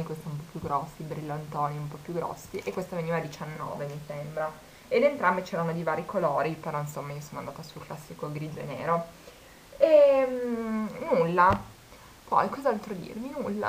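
A woman's voice: fairly low pitch, slight background noise, low-quality recording. A young woman, chatting casually to her viewers and telling stories in which she quotes people. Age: 20s. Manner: chatty storytelling, quoting people. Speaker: vlogger. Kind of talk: casual chat.

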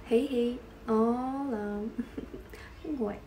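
A woman's voice: a little high, extremely slow, mellow, echoey room, distant mic, slight background noise. A woman from Ukraine hosting a casual livestream, greeting and thanking viewers, giggling often as she switches between languages. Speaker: live-stream host.

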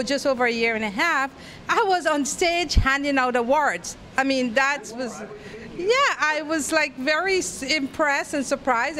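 A woman's voice: high voice, a bit bright, slight background noise. A middle-aged woman from Guyana, giving a chatty, rambling red-carpet interview into a handheld mic at an indoor event. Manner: chatty and effusive, rambling with restarts. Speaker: interviewee, festival volunteer. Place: indoor event in front of a step-and-repeat banner.

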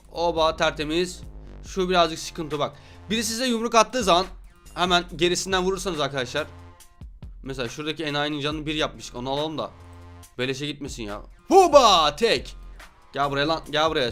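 A young man giving loud, joking commentary on an online game he plays, swearing at his opponents. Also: high voice. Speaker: gaming YouTuber. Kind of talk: excited gameplay commentary.

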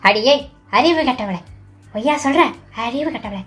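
Cartoon part: shrill, insulting older mother-in-law, high-pitched scolding, a woman voicing her. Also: lively intonation, normal speed, fairly bright tone, soft background music. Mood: angry scolding. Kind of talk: cartoon voice acting.

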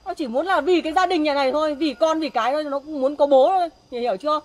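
A woman's voice: high-pitched, rapid-fire. A woman playing an angry wife, scolding and berating her husband outdoors at night. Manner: shouting angrily, scolding. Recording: faint outdoor noise with crickets.

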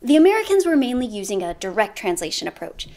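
A woman's voice: fairly high pitch, very animated, quick pace, darkish tone. A woman hosting an educational video series, narrating a scripted explainer with playful, punchy, self-mocking asides.

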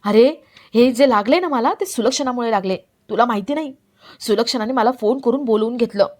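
A scheming middle-aged mother, indignant and guilt-tripping, put on by a woman reading a serial recap. The voice sits fairly high and stays plain rather than theatrical. It comes across as a storyteller's quick character turn. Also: close to an everyday voice.

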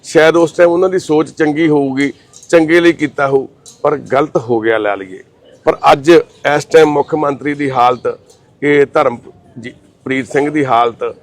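A man speaking in a gentle, reassuring, fatherly tone as a social service volunteer. He talks plainly and informally, moving between comforting words and a steady explanation to the camera. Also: a little high. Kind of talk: consoling talk and on-camera explanation.

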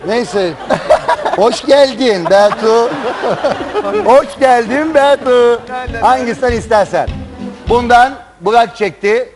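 A man with a very high-pitched voice hosts a live show, speaking slowly with frequent pauses as he trades teasing banter and jokes with participants. Music and a lively crowd can be heard behind him.

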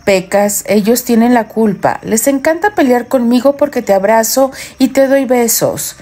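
A woman's voice: fairly high pitch, normal speed, warm tone, lightly acted. Woman voicing Terry, a teasing young husband. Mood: playful. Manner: teasing, affectionate.

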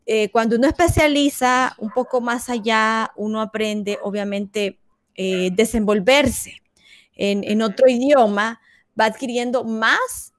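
A woman interviewer with a Salvadoran Spanish accent and a fairly high voice. She thinks aloud in a reflective way, pausing on fillers. Her voice is recorded close and dry. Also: no echo. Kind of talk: interview commentary.

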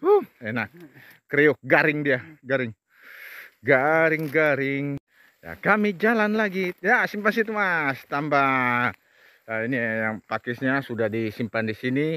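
Walking through an oil palm plantation, a man chats casually for his vlog, humming often and stretching out repeated words slowly. His mid-range voice is bright and forceful, with no room sound in the recording.

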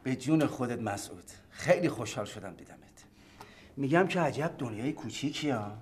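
A man's voice: mid-range voice, lively intonation, slight background noise, natural voice. An actor playing a sociable man catching up with an old school friend in a sitcom. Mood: chummy. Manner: pleading, then chummy. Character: sociable man back from studying abroad. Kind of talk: sitcom acting.

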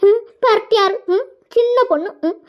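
A woman's voice: very high-pitched, normal speed. A woman voicing a self-pitying old village grandmother in a cartoon, with a sing-song, lamenting way of scolding. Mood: defensive. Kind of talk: cartoon voice acting. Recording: dull lo-fi recording.

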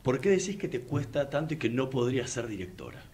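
A man with an Argentine Spanish accent interviewing a guest, asking questions haltingly and repeating words. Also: mid-range voice, very animated, a little mellow, slightly rough.

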